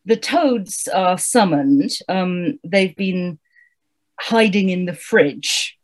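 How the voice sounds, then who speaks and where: Low-pitched woman co-host, wry book chat. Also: very slow. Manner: thoughtful, wry, lively reader. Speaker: podcast co-host.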